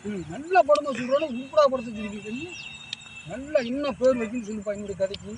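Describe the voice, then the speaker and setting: A man playing a high-voiced, exasperated scolding boss. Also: fast. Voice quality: scolding, exasperated elder-brother manner. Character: irritable man scolding his foolish helper. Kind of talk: web series comedy acting. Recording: outdoor recording with clear background noise.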